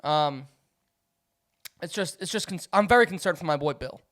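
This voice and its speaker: A young woman co-hosting a podcast in casual chat, trading gossip and running through sports news in a deadpan way. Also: lowish voice, moderate pace. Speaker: podcast co-host.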